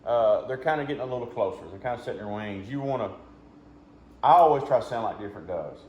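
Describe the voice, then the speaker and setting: A folksy man teaches duck calling in a casual, hands-on style. His pitch sits in the middle, and he speaks plainly. The sound is muffled and roomy, with some background noise. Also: expressive, fast, a little mellow.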